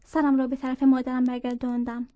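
A woman reading a story aloud in a measured narrating voice, speaking dialogue within the tale. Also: high voice, flat delivery, dark tone, no room sound, muffled recording. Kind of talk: audiobook narration.

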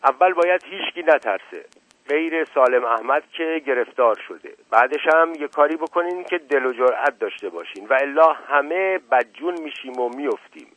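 A man's voice: medium pitch, animated, a bit bright, no echo, pitched above the performer's own voice, rough recording. A man reading aloud as a firm, decisive village elder who leads the others. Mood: commanding. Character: commanding village elder man, calm leader.

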